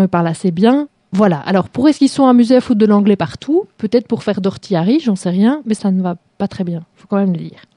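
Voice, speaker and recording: A woman's voice: mid-range voice, warm tone, dry recording, studio quality. A woman hosting a chat show, mocking a TV series with sarcasm and frequent laughter. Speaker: show host reviewing a TV series. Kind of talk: casual critical chat.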